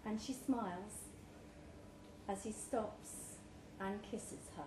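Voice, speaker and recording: Her voice is medium in pitch and slow as she reads a short story aloud at a live event, animating the dialogue expressively. Recorded indoors in a pub event room, the audio is roomy with noise in the background.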